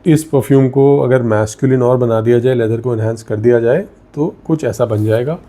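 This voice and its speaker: A man's voice: mid-range voice, normal speed, mellow. A young man with an Indian accent, casually reviewing perfumes and mixing Hindi with English as he thinks aloud while sniffing each one. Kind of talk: casual product review vlog.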